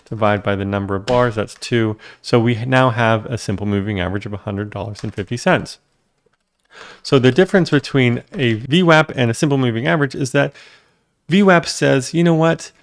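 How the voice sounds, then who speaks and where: A man hosting his own channel, explaining a trading indicator in a casual, conversational way and often checking in with a quick "right?". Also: mid-range voice, gravelly. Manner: conversational, frequent "right?" asides. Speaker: algorithmic trader and channel host.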